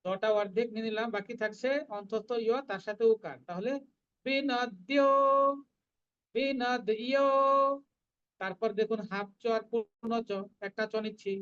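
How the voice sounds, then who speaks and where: A recitation teacher, explaining pronunciation syllable by syllable and chanting the verses in slow, drawn-out tones. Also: medium pitch, steady tone, darkish tone, clear, resonant tone, muffled recording. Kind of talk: online class teaching Sanskrit verse pronunciation.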